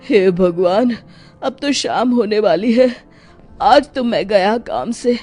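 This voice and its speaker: A woman's voice: mid-range voice, slow pace, mellow, faint music behind. A woman voicing a timid, panicky village farmer who whimpers and laments, in a comic audio story. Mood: whining dread.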